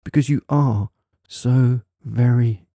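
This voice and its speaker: A man speaking right in the listener's ear in an intimate hypnosis ASMR monologue, coaxing, teasing and softly commanding. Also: mid-range voice, steady tone, slow, no room sound. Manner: close, right-in-your-ear intimate delivery. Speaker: hypnosis audio performer. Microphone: close microphone.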